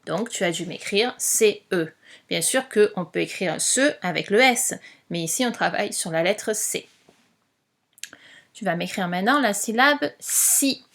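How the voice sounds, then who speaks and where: A woman teacher giving a slow spelling dictation, patiently spelling out letters one by one. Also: mid-range voice, animated, vocal fry, fairly bright tone.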